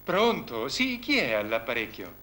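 An actor dubbing a fussy, genteel bishop into Italian, speaking in a slow and unctuous way. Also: male voice, mid-range voice, huge pitch swings, heavy background noise. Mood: delighted. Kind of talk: Italian film dub.

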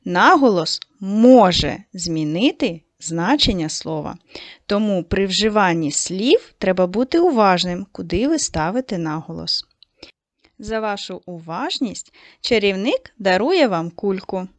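A woman teacher giving a patient, slow second-grade lesson and stressing each word for young children. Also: medium pitch, animated, no echo. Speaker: primary school teacher.

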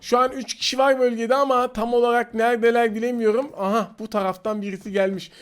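High-pitched excitable man over loud gunfire. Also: fast, heavy background noise. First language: Turkish. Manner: excitable, swings into shouting frustration. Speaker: gaming YouTuber. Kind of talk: live gameplay commentary. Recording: loud gunfire from the game behind. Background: game gunfire and clicks.

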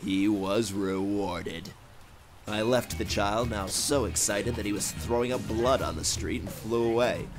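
Over background music, a man with a fairly low, slightly slow voice narrates a scripted comic story in the first person. His delivery is theatrical, dramatic and self-serious.

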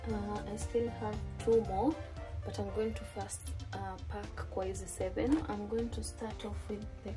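A woman's voice: medium pitch, flat delivery, measured pace. A young woman with a Kenyan English accent chatting casually through a cooking vlog in her home kitchen, dropping Swahili words in between. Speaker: cooking vlogger. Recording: loud background music.

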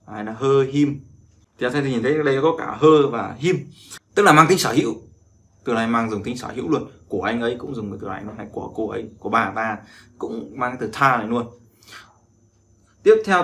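A man's voice: medium pitch, fairly bright tone. A man teaching a casual vocabulary lesson, chatting and drilling words again and again. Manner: repeats words in drawn-out drills, chatty asides. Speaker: Chinese language teacher.

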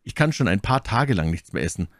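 A man's voice: on the low side, very animated, brisk, no echo, studio quality. A man voicing a young man, a theatrical and self-pitying friend, in a read-aloud storybook. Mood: despairing.

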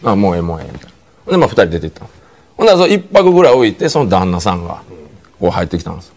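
Lively Kansai man telling a comic story. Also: lowish voice, racing. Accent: Kansai Japanese. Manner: animated, acts out quoted lines, drops to hushed tones. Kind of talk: comic storytelling on a TV panel show. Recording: studio audience laughter.

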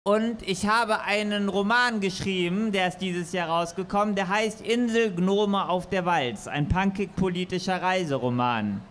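A man's voice: high voice, measured pace, hardly any pauses, fairly bright tone, a little hiss or hum. A man from Berlin chatting hesitantly between songs at a live outdoor concert, with frequent filler sounds. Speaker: singer-songwriter performing live. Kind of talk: stage patter between songs. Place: outdoor stage under a bridge at a street festival. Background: accordion music.

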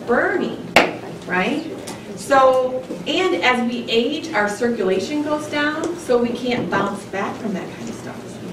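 A woman's voice: sits high, expressive, slow, echoey room. Woman lecturer, casual classroom talk, far from the mic, noisy room. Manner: conversational, asks the class "right?" often. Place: large darkened lecture room. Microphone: distant camera in the audience.

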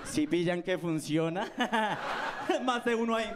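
High-voiced Colombian comic on stage. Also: male voice, measured pace. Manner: slangy storytelling with acted-out voices. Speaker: stand-up comedian. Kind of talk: live stand-up set. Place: comedy stage with a live audience. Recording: live stage recording with crowd laughter and noise.

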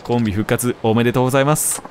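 A man voicing a shy, polite teenage girl idol who stammers softly, reading along while playing. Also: mid-range voice, steady tone, racing, slight background noise, lightly acted. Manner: soft, polite, hesitant stammer.

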